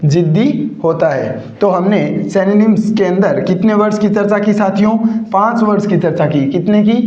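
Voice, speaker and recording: A man with a high voice teaches an exam-prep vocabulary lesson. He keeps asking rhetorical questions and repeats every answer to drill it in. The sound is dull and lo-fi, recorded in an echoey room. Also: darkish tone. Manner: calls his students friends and companions.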